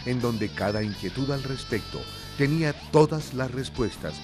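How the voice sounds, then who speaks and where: Male documentary narrator, lofty measured read, loud music bed. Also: medium pitch, expressive. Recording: voice-over with loud music behind.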